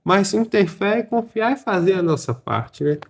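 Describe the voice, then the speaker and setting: A man who speaks in a measured, thoughtful way in a Bible discussion and reads scripture aloud. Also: high-pitched, very animated, creaky, a little hiss or hum. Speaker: Bible study participant.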